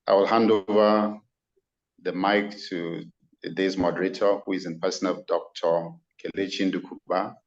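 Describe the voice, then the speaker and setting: Deep flat-voiced Nigerian man opening a webinar. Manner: slow, formal, ceremonious. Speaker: webinar host. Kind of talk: formal opening introduction. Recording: dull lo-fi webinar audio.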